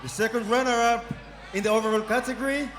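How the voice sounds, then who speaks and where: A man's voice: very high-pitched, fairly even intonation, fast. A man hosting a pageant, announcing winners emphatically and repeating them to a live audience. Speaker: pageant host. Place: live stage event with audience. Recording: echoey PA over loud music and crowd.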